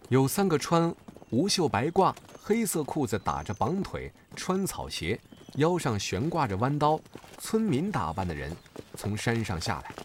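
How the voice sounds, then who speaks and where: A man's voice: mid-range voice, slight background noise. A man narrating a martial story dramatically, rising in the action scenes.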